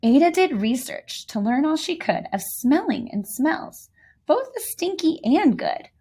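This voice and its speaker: Her high-sitting voice is very animated, slightly mellow, and a little slow. She reads a children's picture book aloud in an expressive, theatrical way, pausing for little asides to young listeners.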